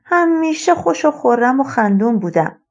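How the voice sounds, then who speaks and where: A woman voicing an elderly retired male colonel, a rambling and wistful father who speaks slowly and musingly. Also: sits high, very animated, darkish tone, lo-fi sound, full character voice.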